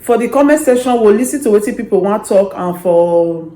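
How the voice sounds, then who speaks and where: A woman with a Nigerian accent speaking Pidgin as a host, giving casual, animated advice to her audience. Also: mid-range voice, brisk. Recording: echoey, roomy sound.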